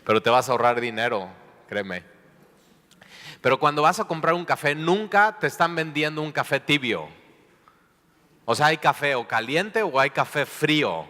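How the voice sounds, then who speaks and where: Playful Mexican pastor in a reverberant hall. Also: male voice, a little high, animated, normal speed, pauses often, sharp tone. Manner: playful, acts out little everyday dialogues. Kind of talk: sermon.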